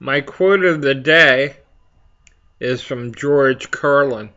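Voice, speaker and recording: A man hosting a casual, rambling chat for viewers, speaking haltingly as he searches for his words. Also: medium pitch, bright, forceful tone, smooth, dull audio. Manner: halting, slow to find words. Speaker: pipe hobby video host.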